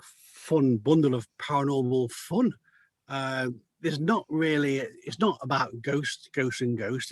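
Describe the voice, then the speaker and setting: A man's voice: a little high, no room sound. A man from the United Kingdom, a magazine editor, chatting casually on a video call with many restarts and fillers. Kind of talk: casual chat.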